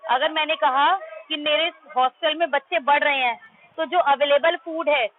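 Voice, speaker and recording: A woman's voice: high-pitched, steady tone, normal speed, slight background noise. A woman teacher giving a math class in Hindi-English mix, firmly correcting her pupils' pronunciation and quizzing them. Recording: tinny phone-like line.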